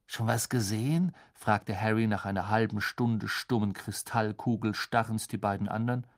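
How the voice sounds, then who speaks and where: A man reading an audiobook with expressive, dramatic storytelling. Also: on the low side, moderate pace. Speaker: narrator.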